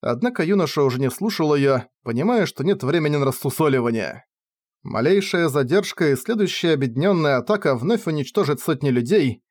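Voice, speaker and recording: A male audiobook narrator telling a battle scene in a dramatic, measured way. His voice sits a little higher than most men's. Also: expressive, darkish tone, no room sound, studio quality. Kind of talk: scripted fantasy narration.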